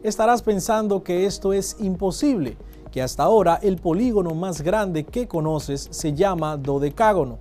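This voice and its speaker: A man's voice: sits high, moderate pace, dark tone. A man teacher giving a scripted lesson and asking the student rhetorical questions. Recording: faint background music.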